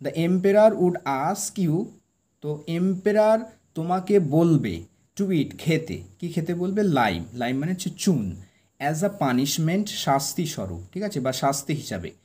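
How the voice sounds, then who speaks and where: A man teaching English by reading a story aloud and translating it line by line. He reads the English slowly and with stress, explains each word, and keeps asking a quick tag question to check that the listener is following. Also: a little high, very animated, a little mellow.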